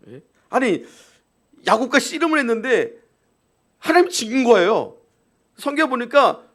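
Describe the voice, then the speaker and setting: A male pastor preaching a live Sunday sermon. He tells a story, acts out quotes and keeps asking the congregation rhetorical questions. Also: high voice. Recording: live church service.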